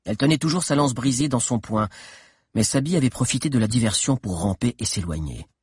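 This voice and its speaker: A man reading a children's adventure novel aloud in a steady, dramatic narration with tense pauses. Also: medium pitch, breathy edge, dry recording, clean studio sound. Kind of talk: audiobook narration.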